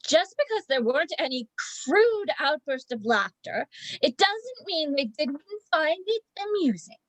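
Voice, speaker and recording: A woman's voice: high-pitched, sing-song, unhurried, poor audio. A woman reading the part of a prim, indignant member of a village drama group. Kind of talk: amateur play reading. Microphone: video call.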